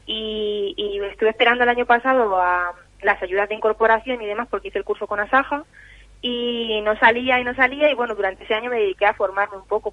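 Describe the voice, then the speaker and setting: A woman's voice: mid-range voice, no room sound. A young woman in her twenties, a phone-in guest on a radio show, talking hesitantly with many fillers and restarts. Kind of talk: casual radio interview over the phone. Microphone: telephone. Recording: muffled phone line.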